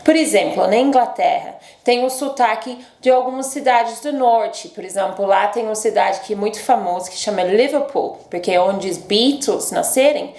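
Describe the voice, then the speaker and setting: A woman's voice: mid-range voice, normal speed, few pauses, a little mellow, reverberant. A woman from London, a native English speaker with an English accent, teaching an online English lesson in Portuguese and checking in with "ok?" as she explains. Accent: English, close to RP, speaking Portuguese as a second language. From England, London. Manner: explains patiently, often checks in with "ok?".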